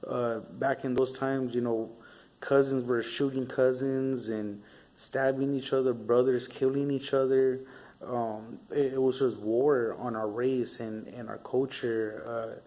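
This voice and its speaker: On a low-quality recording, a young Southern California man tells stories in a casual vlog. His medium-pitched voice stays level, slow and warm, as he rambles along with profane street talk and plenty of fillers.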